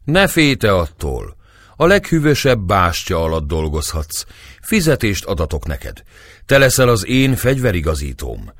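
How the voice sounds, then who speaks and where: A commanding, hot-tempered officer, voiced by a male narrator speaks loudly and forcefully. His deep voice is pushed higher and rings dry and close, with very lively pitch. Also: no room sound, exaggerated voice. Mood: jovial.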